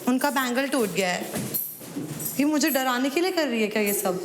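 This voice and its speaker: A woman's voice: high voice, expressive, moderate pace, music in the background. Upset woman protesting in an echoey room. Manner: upset, protesting, mixes English phrases. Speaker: reality show contestant. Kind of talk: heated argument. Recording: echoey room with crowd noise.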